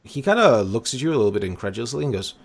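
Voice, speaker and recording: A man's voice: mid-range voice, sing-song, racing. A man narrating a tabletop role-playing game as game master.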